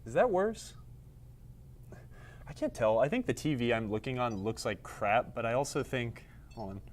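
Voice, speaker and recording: A man of ordinary middle pitch chats loosely to his live-stream viewers. He talks partly to himself as he fusses with the camera setup and pokes fun at himself. A faint room hum sits behind him. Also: brisk. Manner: rambling, self-deprecating, talking to himself while adjusting the camera. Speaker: livestream host. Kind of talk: casual live-stream chat. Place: indoor studio space at a workplace.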